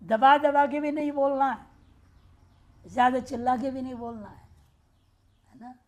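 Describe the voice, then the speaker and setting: Woman grammar teacher, high voice, patient step-by-step lecturing, rhetorical questions to the class. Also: steady tone, a little slow. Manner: explains step by step, asks rhetorical check questions. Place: ashram teaching room.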